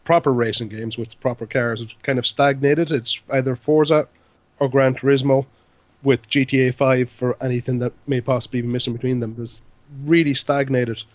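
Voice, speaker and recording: A man on a podcast panel, giving measured, opinionated takes. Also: mid-range voice, fairly even intonation, no echo, highs cut off. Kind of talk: casual chat about games.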